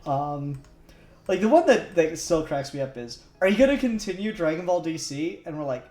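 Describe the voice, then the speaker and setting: This man's voice sits a little high with a darkish tone, animated and at a moderate pace. He co-hosts a casual livestream, rambling and laughing as he thinks aloud while doing 3D modelling, in an echoey room with faint music in the background.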